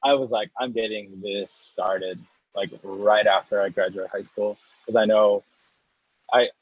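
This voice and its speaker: On a muffled recording, an American coffee roaster and business owner in his thirties talks a bit slowly in a fairly low voice with fairly even intonation. He's the guest in a casual interview, wandering through his story with restarts and small laughs.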